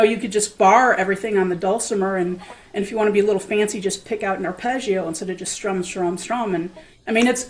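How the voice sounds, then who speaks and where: Recorded at home in her room, where she plays, a dulcimer player casually talks about a local jam, full of fillers and jokes at her own expense. Her voice is medium in pitch, and the recording quality is low.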